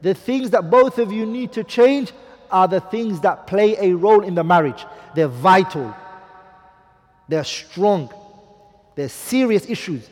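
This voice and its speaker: Emphatic high-voiced man teaching a class. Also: lively intonation, measured pace, darkish tone, in a large hall. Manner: emphatic, asks the class rhetorical questions; quotes Arabic hadith and poetry. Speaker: Islamic teacher. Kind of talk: classroom lecture on marriage.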